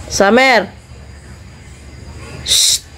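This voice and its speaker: A woman filming her dogs at home, scolding them and calling them over in a chiding, coaxing voice, then talking more quietly to viewers. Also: very slow, a little hiss or hum. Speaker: dog owner filming her pets. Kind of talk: casual vlog narration.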